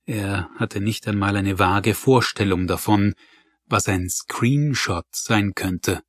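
Man, audiobook narration, low voice, dry close mic. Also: slow, no echo. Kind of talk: scripted narration.

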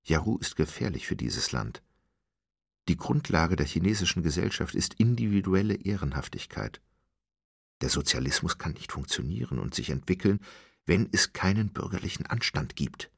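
A man voicing a composed, stern woman official who speaks in a calm, measured, lecturing way. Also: deep voice, vocal fry, husky, no room sound, studio quality, heavily acted.

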